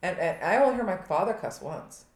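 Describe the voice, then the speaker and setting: A middle-aged woman chatting casually as a podcast co-host, telling personal stories in an earnest, halting, self-deprecating way. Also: fairly low pitch, expressive. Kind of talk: casual chat. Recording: echoey room.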